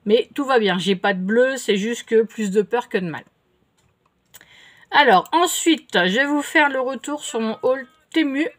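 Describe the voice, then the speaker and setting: A middle-aged woman chats at home and answers her viewers' comments. Her voice sits a little high. She rambles on, full of fillers and restarts, in a relaxed vlog tone. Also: unhurried. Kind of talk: casual chat. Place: home, indoors.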